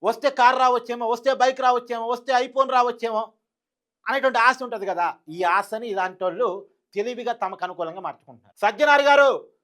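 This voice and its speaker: High-pitched fiery male commentator. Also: brisk, a bit bright. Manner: emphatic, repeats key phrases, rhetorical questions. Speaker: YouTube news commentator. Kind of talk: fiery opinion monologue.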